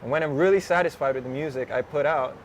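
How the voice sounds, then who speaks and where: Gravelly young rapper man, laid-back. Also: fairly high pitch, fast talker, slight background noise. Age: 20s. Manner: relaxed, slangy, laughs often, drifts off topic. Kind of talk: casual interview chat.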